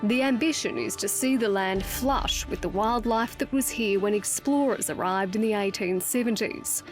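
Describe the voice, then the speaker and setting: A woman's voice: medium pitch, moderate pace. An Australian woman narrating a scripted television news feature as a reporter. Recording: music under the voice. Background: music.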